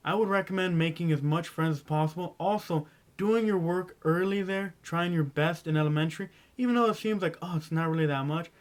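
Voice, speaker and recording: A teenage boy rambling through casual school advice in a vlog, clearing his throat often and stumbling over his words. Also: on the high side. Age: teens. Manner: rambling, stumbling, self-interrupting. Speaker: vlogger.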